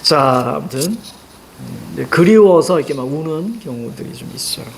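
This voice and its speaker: A middle-aged male teacher giving a lecture on classical poetry, chatty and quick to tell stories. His voice sits a bit higher than most men's. A faint hiss of background noise runs under the recording. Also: animated, creaky. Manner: chatty, tells stories and acts out quotes with a raised voice.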